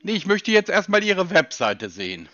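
A man's voice: high voice, sing-song, normal speed, sharp tone, no room sound, muffled recording. A man on a call, answering with dry, skeptical, needling questions. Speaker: call recipient.

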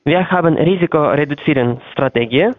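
A man with a foreign, non-native accent in German, speaking haltingly as he searches for words on a sales phone call. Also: fairly high pitch, no echo. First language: not German. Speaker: phone sales agent for trading platform. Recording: tinny, narrow-band phone line.

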